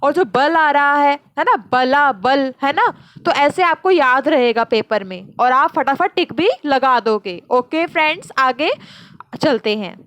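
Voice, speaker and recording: A woman teacher explains exam questions, repeating and asking and answering her own questions, and slows down sharply to give each answer. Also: high-pitched, animated, a bit bright, no echo. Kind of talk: exam-prep lecture.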